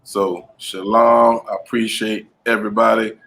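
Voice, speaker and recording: A man's voice: on the low side, little pitch movement, measured pace, creaky, fairly bright tone, low-quality recording. A man hosting a live talk show, thanking his guests and wrapping up the episode. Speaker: host.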